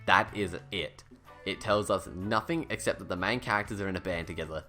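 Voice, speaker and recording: Low-voiced man with a slushy lisp. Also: quick pace, pushed and bright. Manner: blunt, sarcastic, sweary, self-deprecating at times. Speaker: video reviewer. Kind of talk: scripted critical review voice-over. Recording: voice-over with music underneath. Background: background music.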